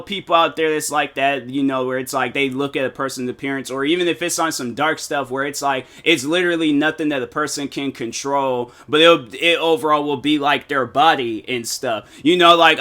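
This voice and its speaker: A man's voice: medium pitch, bright, forceful tone. A young man, rambling through a casual one-take commentary with lots of fillers and blunt slang. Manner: rambling, heavy use of fillers like "like" and "you know". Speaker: commentary YouTuber.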